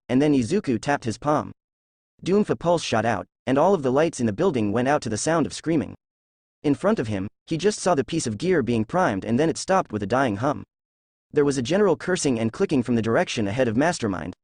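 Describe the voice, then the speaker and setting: A man reading a fan fiction story aloud in a steady storytelling voice. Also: mid-range voice, no echo, clean studio sound. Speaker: narrator.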